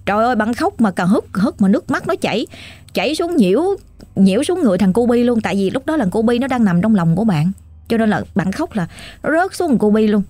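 A woman's voice: on the high side, big pitch swings, fast talker, dark tone, no echo. A woman with a Southern Vietnamese accent narrating a ghost story with emotional, repetitive exclaiming.

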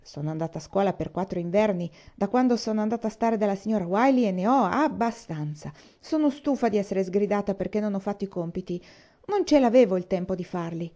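A woman's voice: medium pitch, animated, a little fast, close to an everyday voice. A woman voicing a brash, blunt orphan girl who talks back defiantly. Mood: stubborn. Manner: blunt and defiant, loud outbursts.

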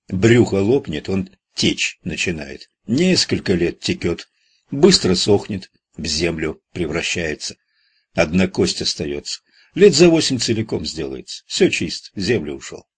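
A coarse old gravedigger from an audiobook, blunt and slangy, who grumbles more than he talks, as a male reader puts him on. His voice sits low and husky. He sounds rough around the edges. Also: full character voice.

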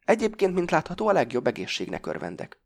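A man's voice: fairly high pitch, wildly swooping pitch, creaky, pitched above the performer's own voice, heavily acted. A man voicing a frail, stiffly composed man who speaks weakly and carefully, with dry mockery and German-tinged sounds. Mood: ironic. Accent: German-tinged pronunciation of French sounds. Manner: weak, carefully formed words, dry mockery.

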